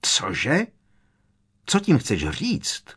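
A man voicing a fanatical, shrill dark witch who taunts and threatens. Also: sing-song. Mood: frantic.

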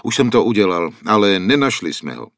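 A man's voice: fairly low pitch, sing-song, no room sound, clean studio sound. Man reading an urgent guard captain. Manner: urgent reporting.

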